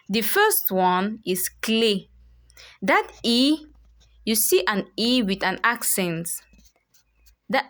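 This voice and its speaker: Slow, careful woman teaching pronunciation. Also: mid-range voice, a bit bright. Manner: careful, repeats example words slowly. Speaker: French teacher.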